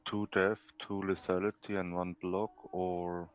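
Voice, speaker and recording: A man on a voice call being coached through a game, speaking in a hesitant, halting way as he searches for words. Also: deep voice, little pitch movement, clear, resonant tone, dull audio. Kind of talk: casual voice chat.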